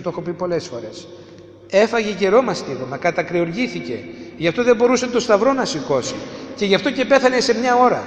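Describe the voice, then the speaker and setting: A man preaching a sermon, emphatic, asking rhetorical questions and swinging between loud and hushed delivery. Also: sits high. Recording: echoey hall with long reverb.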